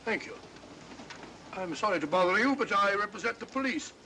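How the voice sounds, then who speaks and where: A bumbling old British doctor, high and bright in voice. He mumbles, stammers and puffs himself up with earnest self-importance, as in a 1940s mystery film, over a faint train rumble. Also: brisk, exaggerated voice. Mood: earnest, fussy. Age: older. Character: bumbling, earnest, indignant old retired doctor, amateur sleuth. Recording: vintage film soundtrack, steady train rumble.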